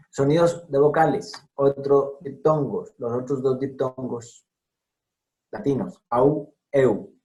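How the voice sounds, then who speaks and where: A man's voice: mid-range voice, rough recording. A man giving a lecture over a video call, carefully spelling out and repeating each sound as he explains. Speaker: lecturer on scientific name pronunciation. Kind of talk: explanatory talk over slides.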